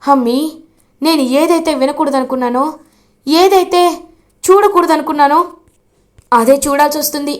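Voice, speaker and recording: A woman's voice: sits high, moderate pace, pauses often, close to an everyday voice. A woman voicing an anxious young woman who comforts her mother-in-law. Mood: worried.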